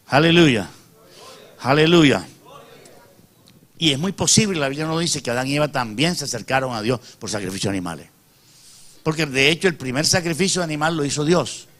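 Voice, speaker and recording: A male pastor with a medium-pitched voice preaches a sermon, calling out amen and posing rhetorical questions to the congregation. He drops to soft asides, then rises to loud, emphatic peaks.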